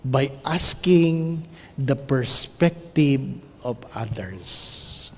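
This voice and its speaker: Priest preaching in a big echoey church, high lively voice, slow and playful, keeps asking the crowd questions. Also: male voice. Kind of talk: sermon.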